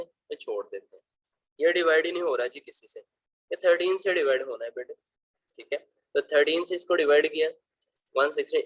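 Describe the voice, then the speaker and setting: A slightly high, fairly bright male voice explains school math over slides, guiding students through every step. He's patient and fatherly and lovingly calls them "beta." There's no echo, though the audio is poor.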